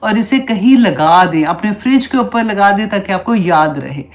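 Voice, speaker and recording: A woman's voice: medium pitch, expressive, normal speed. A middle-aged woman, teaching a religious class in a conversational way, slipping English phrases into her talk and laying out numbered points for her students. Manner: gives numbered points, speaks directly to students. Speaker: Islamic teacher.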